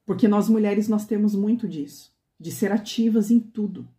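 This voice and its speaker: A woman's voice: mid-range voice, normal speed, mellow, reverberant. A woman pastor preaching a conversational sermon to a women's meeting, often asking the women questions.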